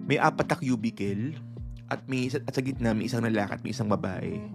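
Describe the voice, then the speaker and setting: A man with a gravelly, fry-edged voice tells a personal story on his podcast. He is casual and animated, acting out dialogue between long runs of fillers. Soft guitar music plays underneath. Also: medium pitch, fast talker. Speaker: podcast host. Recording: guitar music playing behind.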